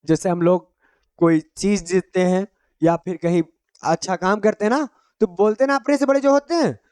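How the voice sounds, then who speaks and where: In a clean studio recording with no room sound, a man with a high-pitched but darkish, clean voice teaches everyday English phrases in Hindi at a moderate pace. He repeats each phrase, drills it with repeated quiz questions, and explains things in simple, homely terms.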